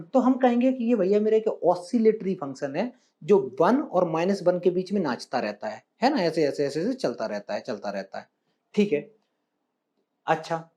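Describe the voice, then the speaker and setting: A man's voice: high voice, dark tone. A male maths teacher, lecturing a live class in a classroom. He coaxes his students along, keeps checking that they follow, and calls them "beta" and "bachcha". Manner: coaxing, addresses students as beta and bachcha, asks questions.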